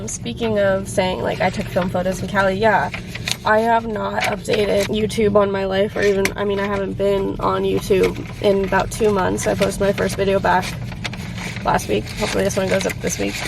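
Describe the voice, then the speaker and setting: A woman's voice: medium pitch, flat delivery, moderate pace, gravelly, noisy background. A woman in her twenties vlogging in a chatty, rambling way, her voice congested and phlegmy from a cold. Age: 20s. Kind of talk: casual chat to camera. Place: car and around town.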